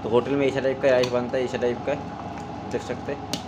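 A man talks his viewers through a home recipe in a relaxed, chatty way, explaining each step as he goes. His voice sits at an ordinary pitch. The kitchen recording carries clear background noise, with traffic audible from outside. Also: brisk. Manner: chatty, step-by-step, keeps saying "friends". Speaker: cooking vlogger. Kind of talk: casual cooking narration.

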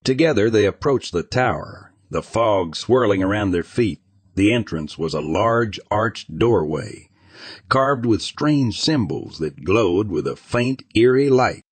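A man narrating a fantasy audiobook in an even, measured reading style. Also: on the low side, breathy edge, no echo.

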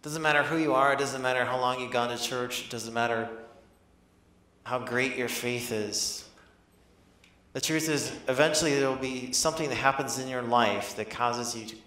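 A man preaching a sermon in a church, conversational and animated, often asking his listeners questions. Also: medium pitch, moderate pace, reverberant. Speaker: pastor.

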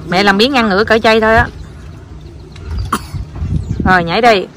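A woman's voice: medium pitch, moderate pace, a bit bright. A woman coaxing and cheering her child on outdoors by a river, filming on her phone. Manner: coaxing, encouraging, counts aloud. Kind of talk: casual family vlog. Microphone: phone camera held by the speaker.

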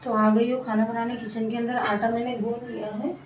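A woman's voice: fairly high pitch, level tone, fairly quick, lo-fi sound, noisy background. A woman, casually narrating a home cooking vlog and explaining each step to her viewers. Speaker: home cook vlogger. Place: home kitchen. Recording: echoey kitchen, mic far off.

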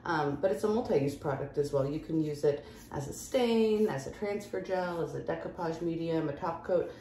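A female lifestyle vlogger chats casually on camera while working on a DIY project in a room of her house, demonstrating as she goes. Her voice sits low at a moderate pace, with a little hiss or hum. The room is echoey, with soft music playing.

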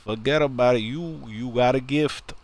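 A game streamer commentates a live shooter game, chatty and loaded with wiseguy catchphrases, greeting teammates and viewers by name. His voice is medium-pitched at a moderate pace.

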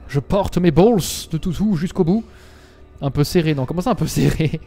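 A young man livestreams a game, talking to his viewers and to the game's characters, and lets out dramatic yelps whenever he's scared. His voice is a little high and mellow with vocal fry, at a normal speed, with faint music in the background.

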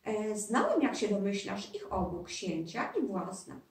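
A woman reading a children's story aloud, voicing a friendly, proud old castle ghost in a calm, gently mysterious manner, recorded in a roomy space from a distance. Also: mid-range voice, measured pace.

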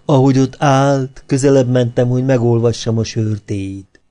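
A man's voice: mid-range voice, steady tone, dark tone, lightly acted. Man voicing a coy young actress. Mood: wistful.

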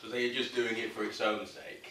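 A man joining a casual tasting review, reacting loudly and animatedly. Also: on the low side, flat delivery, moderate pace. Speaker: co-host, guest taster. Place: indoor room. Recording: echoey room, distant mic, faint noise.

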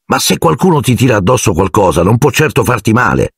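A level-headed boy wizard, voiced by a male narrator, calm and reasonable, only a little above the reading voice. The tone is husky and gravelly, recorded dry and close. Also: mid-range voice, fast, dry recording, voice pushed up, exaggerated voice.

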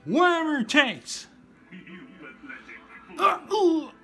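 A man's voice: very high-pitched, very animated, extremely slow, gravelly, sharp tone, faint music behind, pitched above the performer's own voice, heavily acted. A man voicing a heroic, anguished cartoon duck leader, exclaiming dramatically in an amateur fan dub. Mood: defiant, anguished.

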